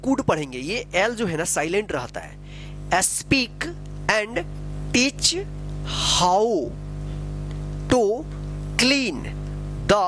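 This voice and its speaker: A man's voice: high voice, fairly bright tone. A man teaching English spelling and pronunciation, reading sentences word by word, spelling out letters and often checking in with his students. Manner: coaxing, often asks "ठीक है ना".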